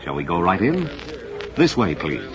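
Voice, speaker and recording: A man hosting an old radio program reads from a script in a formal, theatrical showman's style typical of 1940s-50s radio announcing. His low voice swoops wildly in pitch at a normal speed. The vintage recording is muffled with a noisy background.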